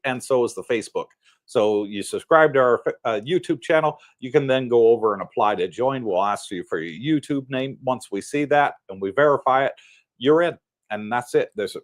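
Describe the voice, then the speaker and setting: A man around sixty co-hosting a casual livestream, talking in a relaxed, rambling way with frequent chuckles. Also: medium pitch. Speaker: livestream co-host.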